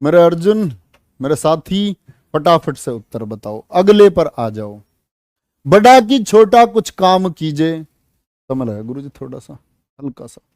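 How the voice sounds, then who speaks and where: Male teacher, high and mellow, unhurried, quizzes the class and answers himself. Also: big pitch swings, dry recording, studio quality. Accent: North Indian Hindi. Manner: coaxing, asks pupils questions and answers them himself; counts syllables aloud slowly. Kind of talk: classroom lecture.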